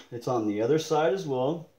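A man showing close-up magnified damage on a watch he bought, talking slowly and deliberately, now and then muttering in frustration at his gear. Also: fairly high pitch, sing-song, roomy sound. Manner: slow, deliberate, pointing things out, occasional frustrated mutters. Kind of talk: casual show-and-tell demonstration. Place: indoors at a desk in a room.

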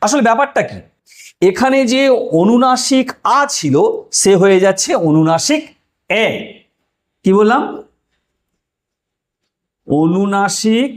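A man teaching a language lesson, explaining examples patiently, asking himself questions and repeating each point slowly. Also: extremely high pitch, expressive. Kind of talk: explanatory lecture.

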